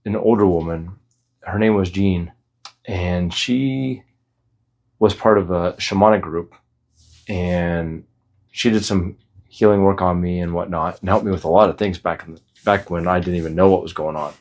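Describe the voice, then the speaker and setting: A man's voice: sits low, normal speed. A man hosting a solo podcast, reflecting candidly in a casual, rambling way with frequent restarts. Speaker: podcast host.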